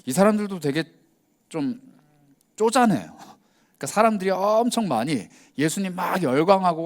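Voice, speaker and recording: A man preaching to young people with a higher voice and a wide, bouncing pitch that rises and falls. He tells the story in a casual, conversational way. He acts out the lines he quotes in small voices of their own. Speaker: pastor. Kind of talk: youth worship sermon.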